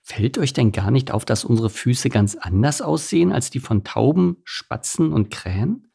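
A man voicing a caring father duck who talks to his ducklings slowly and patiently in a storybook reading. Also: mid-range voice, creaky, husky. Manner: calm, slow and reassuring.

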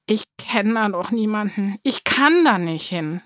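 A woman's voice: mid-range voice, animated, a little slow, fairly bright tone, no echo, clean studio sound. A woman voicing a sulky, defiant young girl who talks stubbornly and pouts, in a storybook reading. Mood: defiant sulking. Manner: stubborn, pouting.

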